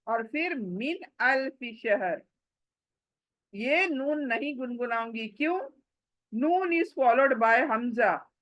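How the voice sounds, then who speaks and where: A woman's voice: high voice, dry recording, dull audio. A woman teaching Quran recitation step by step, patiently explaining the rules and stretching and repeating sounds to demonstrate them. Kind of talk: step-by-step pronunciation lesson.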